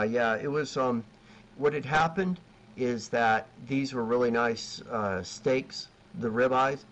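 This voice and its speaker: A man's voice: mid-range voice, fairly bright tone. A man on a video call, telling rambling catering and grilling stories in casual chat, laughing at himself. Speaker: BBQ caterer, guest. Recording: dull lo-fi sound with faint noise.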